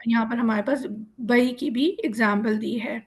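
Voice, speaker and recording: A woman teaching Quran reading in a slow, clear lesson, sounding out syllables one by one and patiently explaining the rules step by step over a video call. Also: on the high side.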